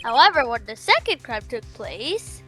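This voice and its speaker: Woman, dramatic game read-along, assertive, high voice, faint music behind. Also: sing-song, normal speed. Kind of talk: amateur dramatic reading of video game dialogue.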